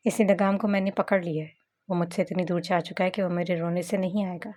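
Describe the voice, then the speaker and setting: A woman voicing a grieving, guarded young woman who answers calmly and with resignation in a romance novel reading. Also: on the low side, fairly quick, lightly acted. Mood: wry. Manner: calm, resigned.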